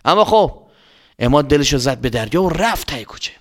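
A man with a fairly high voice narrating a children's story. He tells it expressively, speaking straight to young listeners and building suspense. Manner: lively, expressive, addressing children.

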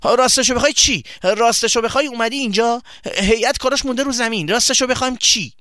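A man doing a loud, indignant young boy. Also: very high-pitched, no room sound, clean studio sound, pitched above the performer's own voice. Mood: accusing. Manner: loud, accusing, then stammering. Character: indignant schoolboy, jealous and quick to accuse.

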